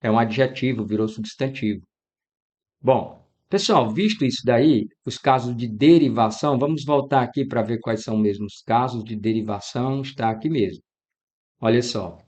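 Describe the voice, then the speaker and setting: A man's voice: mid-range voice, moderate pace. A Brazilian man teaching an exam-prep grammar lesson, talking straight to his students and acting out their questions. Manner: lively, talks to students directly, acts out student questions. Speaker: Portuguese teacher.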